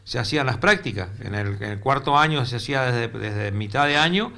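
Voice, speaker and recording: Older Argentine man, bright voice. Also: medium pitch, animated, brisk, creaky. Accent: Argentine Spanish, Corrientes. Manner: rambling, repeats words while searching for them. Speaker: retired teacher, interview guest. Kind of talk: casual interview. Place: local cable TV studio.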